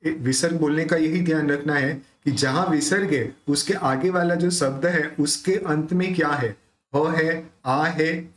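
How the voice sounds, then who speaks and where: In an echoey room, a man with a Hindi accent and a voice on the high side teaches how to pronounce devotional verses. He explains each sound, then recites the lines in a slow, measured chant.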